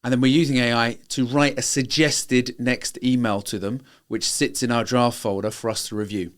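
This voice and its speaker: Brief: male British podcast co-host, mid-pitched, casual and explanatory. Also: steady tone, moderate pace. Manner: explanatory, matter-of-fact. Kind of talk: casual chat.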